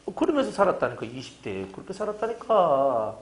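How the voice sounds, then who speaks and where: A man's voice: fairly high pitch, sing-song, fairly quick. A middle-aged male pastor, preaching a fervent sermon full of hammering rhetorical questions.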